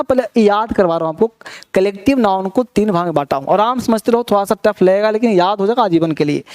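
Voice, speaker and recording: A middle-aged man teaching English grammar in a classroom, who keeps asking quick questions and mixes in English terms. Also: high-pitched, a little mellow. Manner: coaxing, asks many quick questions. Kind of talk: classroom lecture.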